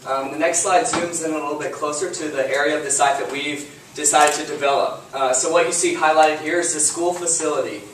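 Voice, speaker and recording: A young man from Texas walks through his slides one by one, filling pauses with ums and uhs. He is heard from a distance in a very reverberant room with faint background hiss. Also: a little high, fairly even intonation, fairly bright tone. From Lufkin, Texas. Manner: walks through slides methodically with frequent uh and um fillers. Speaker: student presenter. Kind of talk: class project presentation. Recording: distant mic in an echoey room with faint noise.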